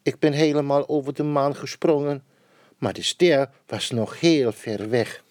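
A man's voice: mid-range voice, unhurried, darkish tone, dry recording, pitched above the performer's own voice, natural voice. A man reading aloud, voicing a cheerful little male frog who loves to jump, in a children's storybook. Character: small boastful jumping male frog.

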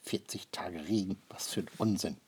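Husky male storyteller reading aloud. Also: deep voice, normal speed, darkish tone. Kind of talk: storybook read-aloud narration.

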